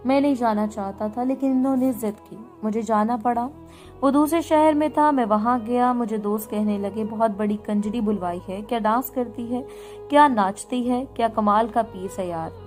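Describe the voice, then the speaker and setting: A female storyteller reads a scripted first-person tale in a steady, even manner. Her voice sits a little high. Soft music plays faintly underneath.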